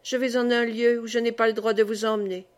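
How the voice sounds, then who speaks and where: A woman's voice: fairly high pitch, level tone, a little fast, natural voice. A woman reading as a guarded young knight. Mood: earnest. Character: young cautious male knight.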